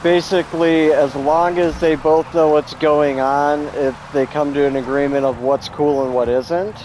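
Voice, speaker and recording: A man's voice: fairly high pitch, steady tone, unhurried, a little mellow, slight background noise, poor audio. A man playing a driving game with a friend, chatting casually and telling puns. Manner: punning, dry joking. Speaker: co-player. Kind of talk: casual chat while gaming.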